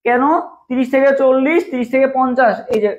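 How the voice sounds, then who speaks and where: A man's voice: extremely high pitch, level tone, fairly quick. A young man, teaching a live online class for admission tests and drilling students with repeated questions. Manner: asks viewers to type along in the comments. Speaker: admission test tutor. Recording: dull lo-fi stream audio.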